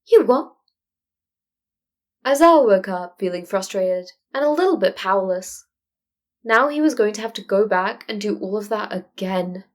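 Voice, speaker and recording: Reading fan fiction aloud as its narrator, a woman with a mid-range voice delivers the story in a scripted audiobook manner. She is expressive and keeps a moderate pace.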